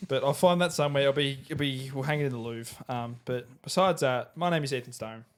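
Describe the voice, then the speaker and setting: A man's voice: medium pitch, fairly quick. An Australian man co-hosting a podcast in casual, joking sports chat. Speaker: podcast co-host.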